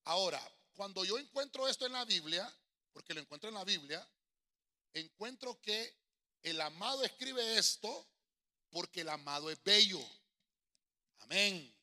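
A man's voice: high-pitched, expressive, measured pace, long pauses, pushed and bright. A middle-aged male pastor preaching, breaking into sung choruses and calling his listeners brother. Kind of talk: lively sermon with singing. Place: church.

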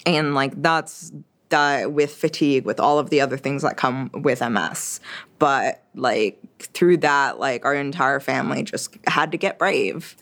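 With a bass voice that's a bit bright, a young Quebec woman whose first language is French speaks at a measured pace as an interview guest. Her chatty talk is full of fillers and restarts.

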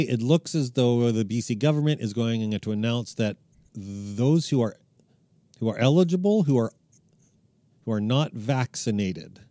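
Mellow-voiced man in casual podcast chat. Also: mid-range voice, no echo. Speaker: podcast co-host.

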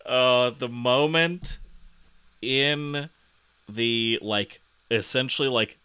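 Slow, halting man with a bright voice. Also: medium pitch, clean tone, dry recording. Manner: slow, hesitant, many fillers. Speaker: podcast co-host. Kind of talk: casual chat reviewing a TV episode.

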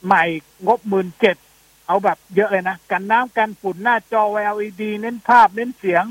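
Male co-host, high pitch, short offhand remarks, dry recording. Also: steady tone, a little fast, fairly bright tone, no echo, poor audio. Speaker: tech podcast co-host reading listener questions. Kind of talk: casual chat.

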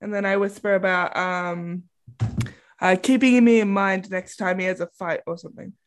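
A man's voice: high-pitched, fairly even intonation, moderate pace, a little hiss or hum. A man taking part as a player in a tabletop game, cheeky and laid-back. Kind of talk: tabletop role-play chat.

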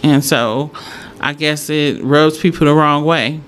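A woman's voice: sits low, fairly even intonation, measured pace. A woman chatting casually to followers as a host, thinking aloud and repeating her points for emphasis. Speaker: solo host. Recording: clear background noise, room ambience.

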